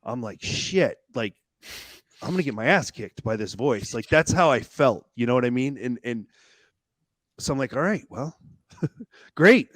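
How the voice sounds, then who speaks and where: Man, middle-aged, podcast guest, candid storytelling, halting restarts, dry close sound. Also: mid-range voice, animated, dry recording. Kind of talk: personal storytelling in a podcast interview.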